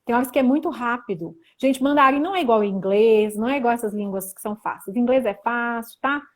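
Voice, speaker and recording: A woman's voice: a little high, fast talker. A young woman from Brazil hosting a casual livestream lesson, chatting and reading viewer comments aloud. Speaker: livestream host teaching Mandarin.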